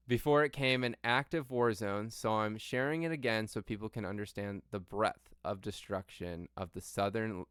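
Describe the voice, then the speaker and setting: A man's voice: fairly low pitch, fairly bright tone, clear, resonant tone, dry recording, studio quality. A man hosting a casual news livestream, blunt, sweary and emphatic, with slightly tongue-tied speech as if his mouth were numb from the dentist. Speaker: livestream host. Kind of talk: casual news commentary to viewers.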